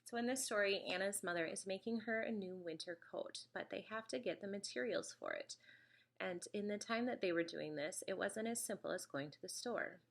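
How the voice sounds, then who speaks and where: A woman in her thirties with a slight cold casually goes over a homeschool study guide, paging through the book as she talks. Her mid-range voice is brisk and gravelly, and she sounds sniffly, coughing now and then. She's chatty and says "um" often.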